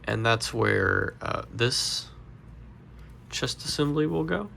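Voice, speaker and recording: Stuffy-nosed guy explaining a lego build, gravelly, talks real slow, bit of hiss behind. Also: medium pitch. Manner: relaxed, rambling with fillers. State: congested. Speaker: Lego builder, channel host. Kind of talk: casual build tutorial.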